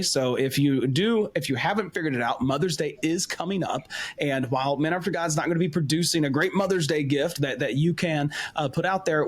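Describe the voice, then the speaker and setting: A man hosting a faith podcast, wrapping up the show in an emphatic, encouraging way. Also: on the high side. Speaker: podcast host. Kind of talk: podcast wrap-up and exhortation.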